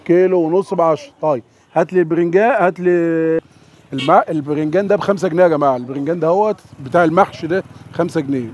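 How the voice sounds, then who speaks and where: Very fast-talking Egyptian man, highish voice. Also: darkish tone. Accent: Egyptian Arabic. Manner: chatty, repeats answers back to viewers. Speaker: vlogger touring a produce market. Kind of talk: casual on-location chat and price commentary. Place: outdoor produce market. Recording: muffled outdoor market recording, street noise.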